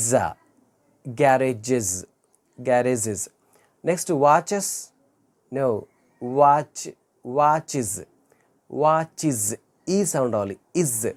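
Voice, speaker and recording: English grammar teacher, pronunciation drill, repeats words slowly, corrects mistakes. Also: medium pitch, a little mellow. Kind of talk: online grammar lesson, Telugu mixed with English terms.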